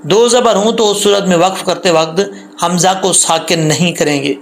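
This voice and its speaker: A man teaching tajweed rules patiently, repeating points and drawing out the recited syllables slowly. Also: high voice, slight background noise. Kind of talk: tajweed lesson with slow recited examples.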